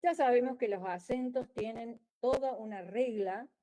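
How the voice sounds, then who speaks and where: A woman's voice: fairly high pitch, moderate pace, warm tone, low-quality recording. A woman giving a conference lecture as a geologist, explaining in a wry way with frequent restarts. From Argentina.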